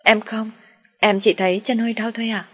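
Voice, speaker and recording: A small frightened boy with a high, childlike voice, as a woman puts him on. The tone is husky and soft. An audio storybook telling. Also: steady tone, brisk, big-room sound. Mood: scared.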